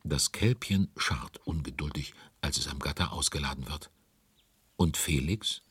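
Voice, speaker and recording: Kids audio drama narrator, really low raspy voice, chatty genial storyteller. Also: male voice, a little slow, a bit bright, no room sound, full character voice. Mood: storytelling. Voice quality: deep, husky. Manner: conversational, wondering aloud. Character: genial male storyteller commenting on events. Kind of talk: scripted narration, German children's audio drama.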